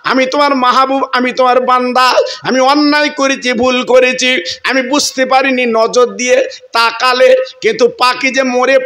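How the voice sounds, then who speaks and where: A humble holy man prays fervently, begging forgiveness, as a male preacher acts him out. The voice is very high and bright, and the lines tumble out quickly. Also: little pitch movement. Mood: pleading. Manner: pleading, fervent prayer. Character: humble old male saint pleading with God. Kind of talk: sermon storytelling.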